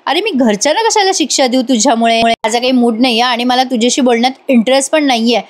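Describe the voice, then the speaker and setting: A woman voicing a calm, cutting young wife who brushes off her husband, in a drama recap. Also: fairly high pitch, fast talker, lightly acted. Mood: cool cutting.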